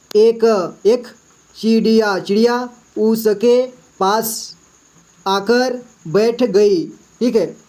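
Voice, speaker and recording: A man walks through a reading lesson one word at a time. He sounds out each syllable slowly and patiently and keeps checking that his students are following. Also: high-pitched, a little mellow. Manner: patient, slow syllable-by-syllable sounding out, frequent "ठीक है" check-ins. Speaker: Hindi reading teacher.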